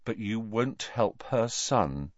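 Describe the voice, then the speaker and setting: [name]: a man doing a quiet, insistent teenage boy. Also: fairly low pitch, expressive, slow, no room sound, lo-fi sound, pitched above the performer's own voice. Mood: firm. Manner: quiet, level, pressing.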